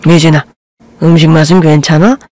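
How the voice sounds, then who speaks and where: A woman voicing a gentle, kindly middle-aged father-in-law who speaks mildly to calm others. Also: fairly low pitch, normal speed, dry recording, lightly acted. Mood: placating. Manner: mild, placating.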